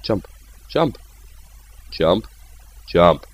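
Deep-voiced young man chatting over gameplay. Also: extremely slow, lo-fi sound, a little hiss or hum. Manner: chatty and rambling, with excitable outbursts. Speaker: gaming channel host. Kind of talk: casual gameplay commentary.

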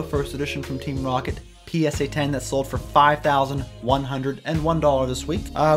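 American man in his thirties, host, loose and conversational, faint music underneath. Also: mid-range voice. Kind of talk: casual commentary on card sales. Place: small room with shelves of collectibles.

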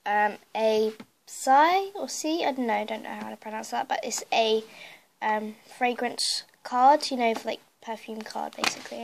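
A young beauty vlogger, hoarse and croaky from a cold, gives a casual tour of her makeup collection in her bedroom at home. Her voice is on the high side, and she chats and rambles with lots of fillers. She films on a phone camera held in her hand.

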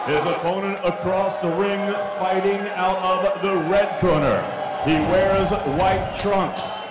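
A middle-aged male ring announcer with a high, swooping voice rings through a big echoing arena PA. He works in a theatrical lucha libre announcer manner, stretching names and phrases with formal flourish. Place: boxing ring in an indoor arena. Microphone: handheld microphone through PA. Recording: echoey arena PA, reverberant, noisy.

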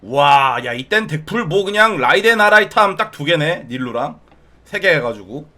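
A man's voice: fairly high pitch, moderate pace. A man streaming casual commentary on a viewer's game account, teasing, ranting in exasperation and addressing his viewers directly. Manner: animated, exasperated rants with mild swearing.

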